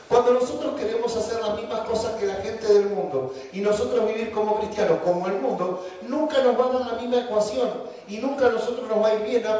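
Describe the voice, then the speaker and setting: Rioplatense pastor, high-pitched man, wry and mocking, heard from afar in a reverberant church. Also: a little mellow. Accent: Rioplatense Spanish. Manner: joking, mocking, acts out quoted voices. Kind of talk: sermon. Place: church hall. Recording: echoey church from a distance.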